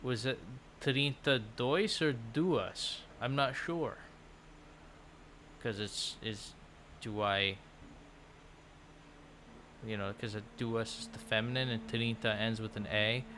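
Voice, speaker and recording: A man's voice: on the low side, steady tone, slow, long pauses, sharp tone, slight background noise. A man chatting casually on a livestream as he works through language lessons, thinking aloud with many restarts. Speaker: language-learning vlogger. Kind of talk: casual livestream chat while doing lessons.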